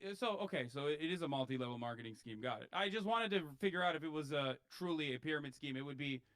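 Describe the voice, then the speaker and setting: A man's voice: on the high side, lively intonation, fairly bright tone, clean tone, no echo. Coolly sarcastic man, dry close sound. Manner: measured, sarcastic, polite. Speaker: debate guest. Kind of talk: calm sarcastic debate.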